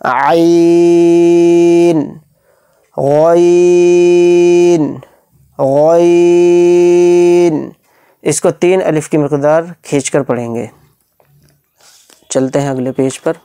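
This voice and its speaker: A man teaching beginners to read the Quran with tajweed, stretching out each letter name slowly and explaining patiently step by step. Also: fairly high pitch, dark tone, no echo, studio quality.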